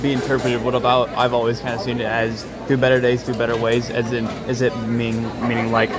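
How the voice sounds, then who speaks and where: A young man from Lexington, chatting earnestly and haltingly in a casual interview. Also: medium pitch, completely flat delivery, loud music behind the voice. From Lexington, Kentucky. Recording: loud crowd chatter in busy venue. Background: loud crowd in a public space.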